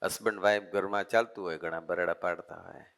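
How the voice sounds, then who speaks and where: A man's voice: sits low, fairly even intonation, fairly quick, vocal fry, fairly bright tone. A man, a monk giving a conversational sermon, talking in a folksy way and repeating his points as lists. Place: assembly hall. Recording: long hall reverb.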